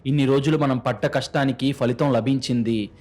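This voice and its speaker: A man voicing a sly, scheming young widow who talks fast in a falsely sweet, pleading way, in a storybook crime tale. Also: mid-range voice, fairly even intonation, darkish tone, natural voice. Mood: fake sweet.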